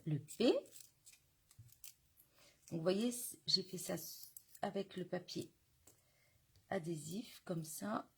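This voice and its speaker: Woman doing a live crafting demo, very husky voice, takes her time, murmurs softly while she works. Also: lowish voice, takes it slowly, long pauses. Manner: chatty, addresses viewers directly. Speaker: crafter hosting a live video.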